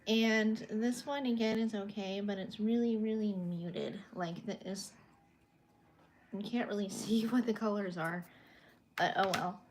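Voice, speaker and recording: This young California artist is on a livestream in her bedroom, displaying her paintings and casually replying to viewers' comments. Her soft-spoken, somewhat awkward delivery is medium-pitched, fairly even, and a little slow. Slight background noise can be heard.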